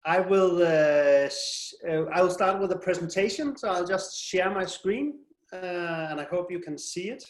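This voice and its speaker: A middle-aged man giving an online presentation as a presenter, speaking in a halting, hesitant way. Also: high-pitched. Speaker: presenter, IT and design specialist. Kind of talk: online presentation, interpreted in pauses. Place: indoor room on a video call. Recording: roomy, echoey video-call sound.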